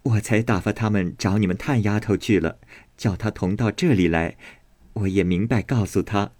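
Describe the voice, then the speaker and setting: A man voicing a sensible young lady who speaks in a measured, composed way. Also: lowish voice, a little mellow, no echo, close to an everyday voice. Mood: calm.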